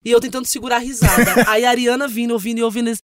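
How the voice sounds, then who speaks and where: Fast-talking São woman comedian. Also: a little high, no room sound, studio quality. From São Paulo, Brazil. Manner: animated, laughing storyteller acting out quotes. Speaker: comedian guest. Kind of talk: casual interview storytelling.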